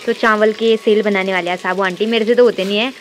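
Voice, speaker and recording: A woman's voice: medium pitch, fairly even intonation, quick pace, a little hiss or hum. A woman hosting a casual family vlog, chatty and teasing, talking to her viewers. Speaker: vlogger host. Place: family home in the hills, rainy day. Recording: busy household chatter behind.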